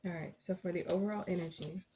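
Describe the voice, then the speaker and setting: A woman giving a casual, encouraging tarot reading from her desk, chatty and quick to laugh. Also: lowish voice, fairly even intonation, dark tone, slight background noise. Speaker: tarot reader.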